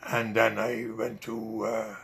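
A man's voice: lowish voice, flat delivery, slow pace, vocal fry, fairly bright tone. An older man with a Dutch accent, telling long rambling stories with many hesitations in an oral history interview. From Netherlands.

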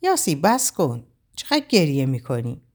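A woman reading a novel aloud, voicing a caring young man who talks softly and coaxingly. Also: lowish voice, sing-song. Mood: gentle. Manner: soothing, gently coaxing. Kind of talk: audiobook character voice.

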